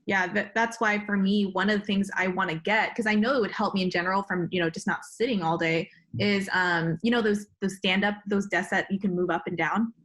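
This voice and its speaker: A woman's voice: mid-range voice, fairly even intonation, a little fast, fairly bright tone. A young woman from California hosting a podcast, enthusiastic and gushing, with lots of fillers. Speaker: podcast host. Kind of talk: casual interview chat.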